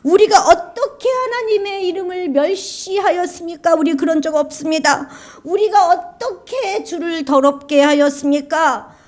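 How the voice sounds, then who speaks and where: A woman preacher acting out the indignant, complaining voice of a crowd of ancient people, high and whiny. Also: normal speed, hardly any pauses. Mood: protesting.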